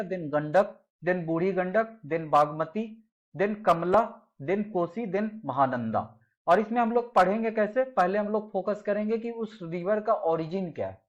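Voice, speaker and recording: A man's voice: sits high, dull audio. A man teaching a slide-based geography lesson for exam prep, mixing in English phrases and repeating key names in lists.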